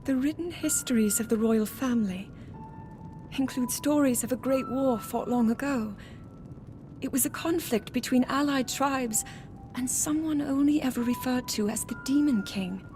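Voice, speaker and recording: A woman playing a young princess scholar in a video game, gentle, earnest and curious, speaking softly and precisely. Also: high voice, normal speed, natural voice. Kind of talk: video game cutscene voice acting. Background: music.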